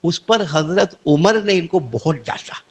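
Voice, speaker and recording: A man's voice: on the high side, breathy edge. A male preacher telling a story in a sermon, acting out the dialogue dramatically and calling out to his listeners.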